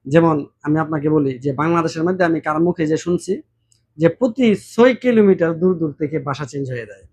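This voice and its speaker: A man speaks in a casual vlog monologue, his voice sitting a little high. He talks warmly and keeps sliding into imitations of other regional dialects. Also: brisk, husky. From Brahmanbaria, Bangladesh. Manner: mimics regional dialects, animated and warm-hearted. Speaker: vlogger.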